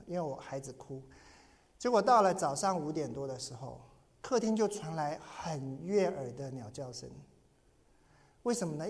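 Man preaching in a reverberant hall. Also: fairly high pitch. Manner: earnest storytelling, often repeating and restarting words. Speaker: pastor. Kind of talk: sermon with personal story.

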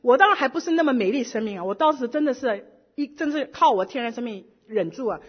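A middle-aged woman with a high, husky voice shares a personal testimony. She tells her story in a lively way and drops English words in here and there. The recording sounds dull and lo-fi. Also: quick pace. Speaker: church member giving a testimony.

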